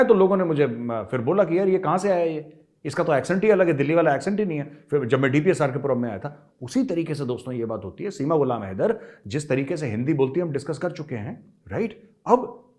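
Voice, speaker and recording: A man's voice: mid-range voice, a little mellow. A middle-aged man giving emphatic political commentary, talking straight to his viewers and repeating his points for emphasis. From India.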